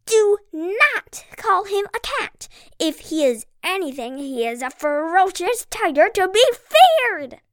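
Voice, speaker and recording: A man voicing a tiny female pixie in a storybook reading, shrill and defiant, pitched far above his own voice. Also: big pitch swings, slow, hardly any pauses, a bit bright, dry recording, clean studio sound, exaggerated voice. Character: tiny fierce female pixie, never stops talking.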